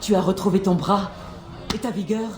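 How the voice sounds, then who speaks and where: An actress playing an earnest, battle-worn female Viking warrior in a French video game, speaking in a measured, solemn way. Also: mid-range voice, darkish tone, natural voice. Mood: awed, puzzled. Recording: roomy echo, music and crowd behind.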